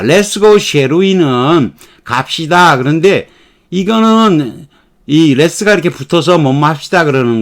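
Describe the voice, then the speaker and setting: A man teaching a grammar lesson in a methodical, unhurried way. He pauses to read out example sentences, then explains each one step by step. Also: mid-range voice. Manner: slow and methodical, reading example sentences aloud. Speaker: English teacher. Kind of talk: explaining English grammar in Korean.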